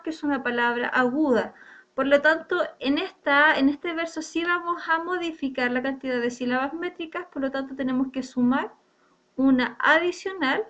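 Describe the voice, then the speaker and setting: A woman's voice: sits high, fairly bright tone, dull audio. A woman teacher explaining a lesson step by step, often checking in with her students. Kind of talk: online class lesson on poetic meter.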